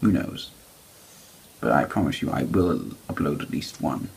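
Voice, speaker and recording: A man presenting a card trick to camera in halting, deliberate magician's patter, with a low, creaky voice. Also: lively intonation, darkish tone. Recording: faint background noise.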